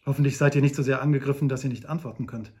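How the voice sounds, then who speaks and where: A man's voice: mid-range voice, fairly even intonation, very fast, mellow, close to an everyday voice. A man voicing a great hunter who speaks firmly and with command in an audiobook. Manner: firm, commanding. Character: great commanding male hunter, calm and firm.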